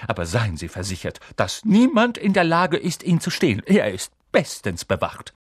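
A man's voice: fairly high pitch, wildly swooping pitch, moderate pace, husky, no echo, studio quality, pitched above the performer's own voice, exaggerated voice. A man voicing stern Professor McGonagall. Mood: brusque. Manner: clipped, commanding, cool. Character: stern strict older woman professor.

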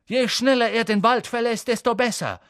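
A man voicing a noble young male centaur who speaks in a measured, grave and earnest way in an audiobook. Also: very high voice, fairly even intonation, a bit bright, no echo, studio quality, voice pushed up. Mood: urgent. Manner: measured and grave, slow emphatic words. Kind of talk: audiobook character voice.

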